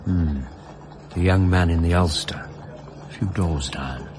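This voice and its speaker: An actor playing Doctor Watson as an earnest, decent gentleman and loyal friend in a radio drama. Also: low voice, unhurried, background noise. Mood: wary, low.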